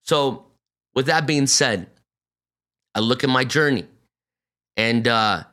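Speaking slowly in a medium-pitched, sharp-toned voice, a man in his forties from Brazil reflects on his life on a podcast. He is a pastor, and his earnest testimony is full of fillers and restarts.

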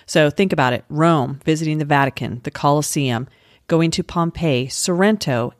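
Low-voiced female travel podcast host. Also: dry recording, studio quality. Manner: upbeat, laughs easily. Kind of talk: casual podcast chat.

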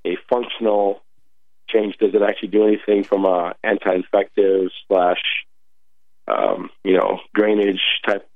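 A man who is a doctor guest on a radio show, speaking with a hoarse, croaky voice and a thoughtful, halting way of talking. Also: on the low side, little pitch movement, dry recording. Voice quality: croaky, gravelly voice. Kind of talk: casual radio chat. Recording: phone-line sound.

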